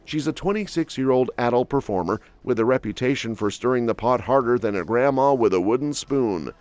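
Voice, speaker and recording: A man's voice: mid-range voice, fairly quick, no echo. A man reading scripted entertainment gossip narration with a snarky, quip-heavy delivery. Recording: dry voice-over with soft music bed.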